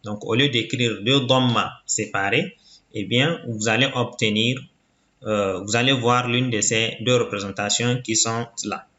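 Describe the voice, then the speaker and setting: A male teacher walks through a reading lesson at a slow, careful pace, saying each sound again and again for the learner. His voice is bright and forward. The recording sounds roomy and dull, as if made in an echoing room with a modest mic. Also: medium pitch, fairly even intonation. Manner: patient, repeats sounds for the learner. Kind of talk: slow, deliberate language lesson.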